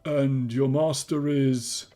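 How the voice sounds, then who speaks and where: A man playing an earnest, naively inquisitive adventurer in a fantasy video game, with probing, deliberate delivery. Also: mid-range voice, fairly even intonation, dark tone, close to an everyday voice.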